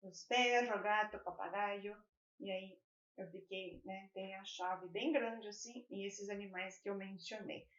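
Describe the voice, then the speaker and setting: A woman's voice: medium pitch, steady tone, a little slow, fairly bright tone. A woman who is a native Spanish speaker, teaching an online lesson in a patient, explanatory way and often checking in with her students. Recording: echoey room, slightly dull sound.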